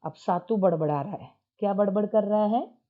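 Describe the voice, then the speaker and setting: A woman teacher explaining a story lesson, asking questions and answering them herself. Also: mid-range voice. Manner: asks questions and answers them herself, reads English lines slowly. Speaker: English teacher. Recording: dull lo-fi recording.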